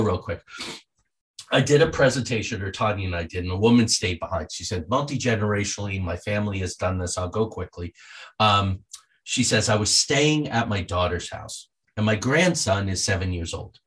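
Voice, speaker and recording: A man speaks as a guest in an interview, telling his stories with energy. His voice sits a little low, and he slips into the voices of people he quotes. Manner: lively, acts out quoted voices. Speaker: guest author. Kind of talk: animated interview storytelling.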